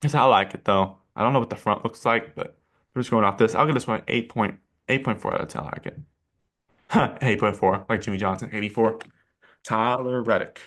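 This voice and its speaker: Male vlogger, a bit low-pitched, casual and hesitant, restarting sentences often. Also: a little fast, fairly bright tone. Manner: rambling, hesitant, many fillers and restarts. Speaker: channel host rating paint schemes. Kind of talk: casual reaction commentary.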